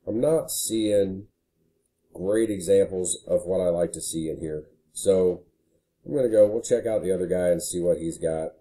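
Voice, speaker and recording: Low, dark-voiced man explaining casually. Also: normal speed. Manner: casual and conversational, frequent "you know". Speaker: marketing consultant. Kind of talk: screen-share walkthrough.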